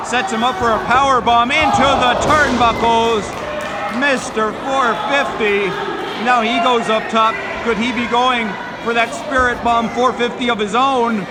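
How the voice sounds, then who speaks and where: A man's voice: very high voice, very noisy. A man calling a lucha libre match as play-by-play announcer, in live sports commentary. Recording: loud crowd and music behind.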